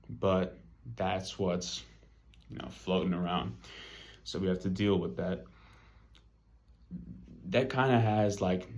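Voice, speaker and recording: A young man gives a class presentation in an easygoing, conversational way. His voice sits a little low, and his talk is loose and relaxed, with casual fillers throughout. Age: young adult. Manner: laid-back, with frequent "like" and "you know". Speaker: student presenter.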